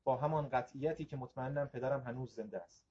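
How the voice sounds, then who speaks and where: Man reading a calm, gentle prisoner who calls himself the jailer's son, mid-pitched, slightly dull sound. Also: slightly rough, lightly acted.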